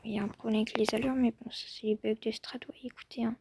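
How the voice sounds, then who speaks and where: A woman's voice: fairly high pitch, flat delivery, fast, vocal fry, very noisy. A young woman commenting on a horse-riding game while coaxing and calling her horse. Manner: soothing horse-talk, swinging to panicked shouting. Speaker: Roblox horse-riding roleplay streamer. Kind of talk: casual gameplay commentary talking to her virtual horse.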